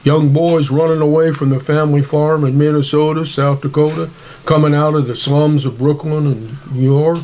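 A man's voice: a little high, fairly even intonation, moderate pace, dark tone, dull audio. A man chatting casually about history as a radio co-host, in a folksy, rambling, informal way.

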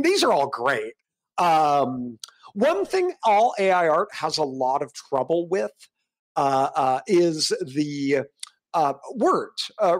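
A man's voice: sits high, poor audio. A man co-hosting a casual livestream, rambling with restarts and laughing often while demonstrating AI image prompts.

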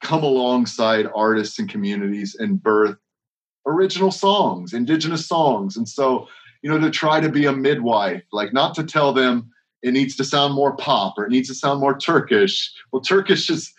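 A worship leader with a mid-range voice talks casually at a moderate pace during an interview. He rambles, restarts often, and fires off strings of rhetorical questions.

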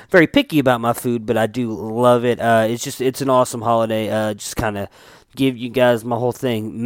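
A man hosting a casual solo podcast about fantasy football, talking informally and haltingly while getting over an illness, with a faint nose whistle when he breathes. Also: medium pitch, smooth, no echo, clean studio sound. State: getting over strep and fever. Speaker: podcast host.

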